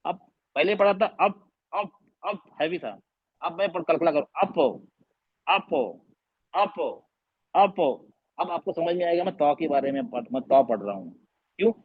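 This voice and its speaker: A man with a husky, fairly high voice leads an online recitation lesson, repeating letter sounds as demonstrations and quizzing his students. The sound is dry and close, with no room around it. It comes through the dull, lo-fi audio of a video call. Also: no room sound. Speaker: Quran recitation teacher. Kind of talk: online class teaching.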